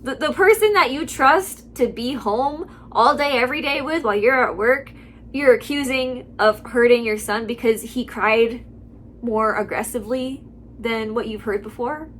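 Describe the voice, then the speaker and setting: Reacting to online stories she reads on her channel, a woman chats casually at a moderate pace, filling her speech with "like" and laughing between comments. Her voice is a little high and a bit bright, and a little hiss or hum can be heard.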